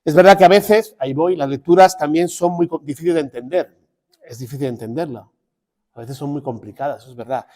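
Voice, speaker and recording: Priest giving a chatty parish talk. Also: male voice, on the high side, fast talker, darkish tone. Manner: conversational and digressive, with restarts and direct asides to listeners.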